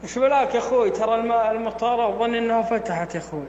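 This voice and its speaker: A man's voice: very high voice, racing, darkish tone, slight background noise. A man playing a pushy Saudi man chasing a debt on a prank phone call, with a put-on Saudi accent and an insistent, pleading way of talking. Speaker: prank caller. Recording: echoey, dull phone recording.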